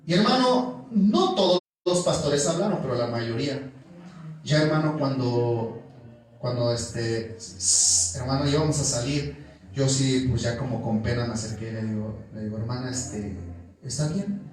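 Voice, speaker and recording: A man's voice: mid-range voice, normal speed. A young Mexican man preaching a sermon and telling a story, addressing the congregation as brother again and again. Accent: Mexican Spanish. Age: young adult. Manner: storytelling, calls the congregation "hermano" constantly. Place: church hall. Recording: echoey church room, mic at a distance.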